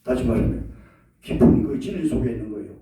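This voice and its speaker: Animated pastor preaching in an echoey hall. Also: male voice, mid-range voice, fast talker. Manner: animated, acts out quoted prayers and calls congregation to repeat. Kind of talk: sermon. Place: church sanctuary. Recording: echoey church hall from far off.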